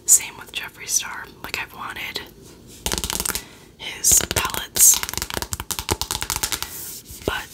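A woman's voice: drawn-out words, long pauses. Whispering young woman, casual ASMR chat. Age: 20s. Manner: whispering throughout, unvoiced and hushed. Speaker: ASMR video host. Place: small dim bedroom, indoors.

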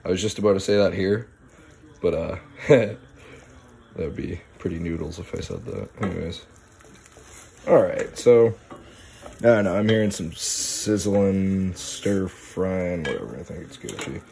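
A man's voice: sits low, unhurried, creaky, warm tone. A young adult man chatting in a laid-back, rambling, sweary way, full of slang, as in a home food vlog. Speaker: food challenge vlogger. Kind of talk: casual, rambling vlog chat. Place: at home, kitchen and small room. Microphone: handheld phone, later camera on desk.

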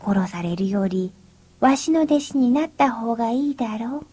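A woman voicing an old Buddhist priest who speaks slowly and calmly in a low, half-whispered voice. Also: slightly rough.

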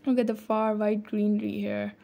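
A young adult woman vlogs cheerfully from village fields and a restaurant, sprinkling Hindi-Urdu phrases through her English narration over background music. Her gravelly, mid-range voice shows little pitch movement and keeps a normal speed.

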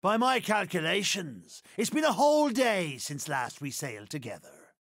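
A swaggering video game pirate captain, sly and grandly courteous. His gravelly voice sits fairly high for a man and swoops wildly through theatrical, old-fashioned phrases. He takes his time over the words. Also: big pitch swings, fairly bright tone, no room sound, studio quality, heavily acted. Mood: courteous, wry. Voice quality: gravelly, creaky. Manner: theatrical, drawn-out archaic pirate speech. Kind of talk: video game character voice lines.

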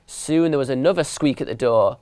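A man reading a children's picture book aloud with an expressive, animated delivery. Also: mid-range voice, brisk, clear, resonant tone, no room sound, clean studio sound. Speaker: storyteller.

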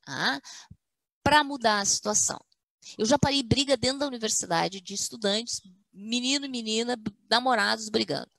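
A woman's voice: fairly high pitch, moderate pace, creaky, a bit bright, no room sound. A woman academic, telling stories in a webinar chat and acting out quotes in a firm motherly voice. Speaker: guest speaker, university academic. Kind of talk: webinar conversation, storytelling.

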